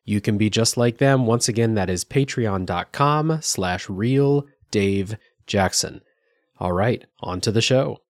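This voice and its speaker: A man with a fairly low voice and a measured pace hosts a video game review podcast. He chats casually with a guest, relaxed and full of fillers, and also reads out thanks to sponsors.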